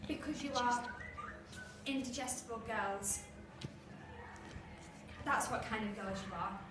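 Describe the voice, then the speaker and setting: A bitter, defiant bullied schoolgirl, acted by a woman in a measured, scornful monologue. The voice sits a touch high and rings in an echoey room. It is heard from a distance through steady background noise. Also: natural voice. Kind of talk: drama monologue performance. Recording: echoey room, far mic, noisy.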